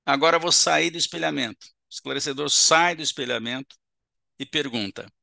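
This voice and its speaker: A man's voice: fairly high pitch, a little fast, creaky, bright, forceful tone, dry recording, clean studio sound. A man giving a seminar lecture in an auditorium, explaining step by step and checking in with the audience with short tag questions.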